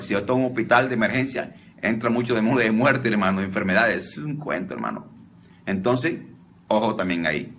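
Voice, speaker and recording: A deliverance preacher teaches informally and conversationally, often repeating himself, restarting frequently and calling his listeners brother. His voice is on the low side and a bit bright, with a little hiss or hum.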